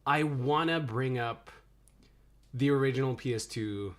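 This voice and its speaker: A man's voice: medium pitch, a little slow. A man streaming a video game, reacting with wry jokes and frequent laughter. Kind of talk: casual game stream commentary.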